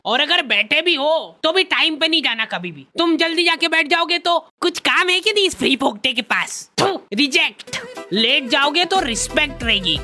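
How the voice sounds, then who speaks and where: Lady doing a show-off senior bro, bright voice, preachy know-it-all, little music behind. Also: sits high, expressive, normal speed. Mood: boastful. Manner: bragging, lecturing, self-important. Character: boastful self-styled love guru college senior man. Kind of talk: comedy sketch acting.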